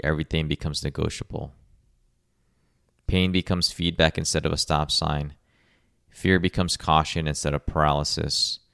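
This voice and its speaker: Male podcast host, very low and smooth voice, dry close mic, measured coaching delivery. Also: fairly bright tone, dry recording. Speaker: podcast host, rehab clinician. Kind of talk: scripted podcast monologue.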